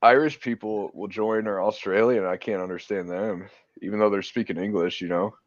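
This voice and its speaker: A man livestreaming in casual chat, animated and laughing often. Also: fairly low pitch, a little fast, no echo, muffled recording.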